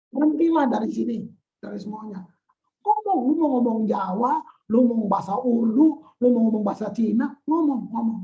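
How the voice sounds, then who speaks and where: A male pastor preaching a lively sermon in casual style slang, acting out people's prayers in playful voices. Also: extremely high pitch, gravelly, dull audio. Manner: animated, slangy, acts out prayers in funny voices.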